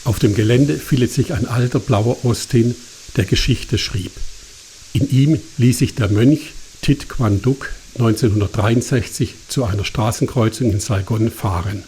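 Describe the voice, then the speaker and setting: A man narrating a travel documentary in a calm, measured scripted voice-over. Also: mid-range voice, slight background noise.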